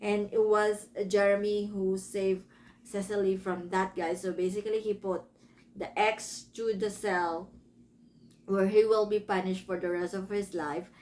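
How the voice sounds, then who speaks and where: A woman from the Philippines, speaking accented English as a second language, retells a story in a casual book review. Her mid-range voice is unhurried and a little mellow, with little pitch movement, and she rambles, self-corrects, and breaks off into asides.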